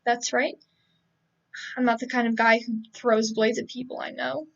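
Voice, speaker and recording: A woman's voice: fairly high pitch, moderate pace, vocal fry, far from the mic, lo-fi sound. Curt scornful boy, read by a woman. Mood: cold, scornful. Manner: curt, insulting, flat delivery. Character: sharp-tongued teenage boy, cold and dismissive.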